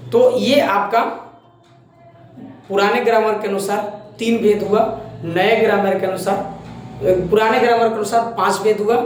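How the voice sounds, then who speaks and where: A male teacher gives a classroom grammar lesson at a board, repeating terms, spelling them out letter by letter and quizzing his students. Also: high-pitched. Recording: very echoey room, faint background noise.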